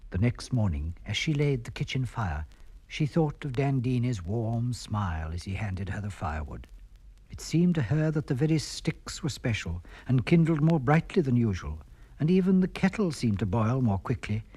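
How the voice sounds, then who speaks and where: A man narrating a fairy tale on a vintage storybook record, with warm, expressive delivery. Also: mid-range voice, moderate pace, slightly rough.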